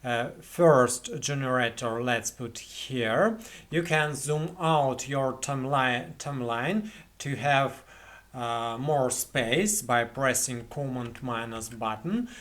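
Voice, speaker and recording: A young Russian-accented man, not a native English speaker, talks through a screen-recorded software tutorial from a small indoor room at his computer. His medium-pitched voice goes slowly and hesitantly, full of fillers and restarts.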